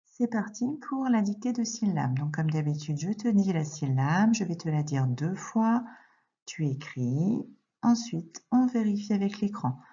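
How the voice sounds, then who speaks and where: Woman, primary teacher, very slow and clear delivery, talks to the child directly; dull lo-fi sound. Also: fairly low pitch, animated, mellow. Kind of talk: recorded reading lesson and dictation for young children.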